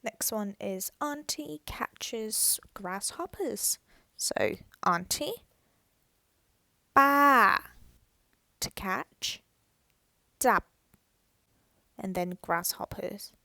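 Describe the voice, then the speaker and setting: A woman's voice: medium pitch, lively intonation, takes it slowly, creaky, fairly bright tone, no room sound, studio quality. A woman teaching a language lesson, patiently explaining step by step and repeating words for practice. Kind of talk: slow, careful lesson narration.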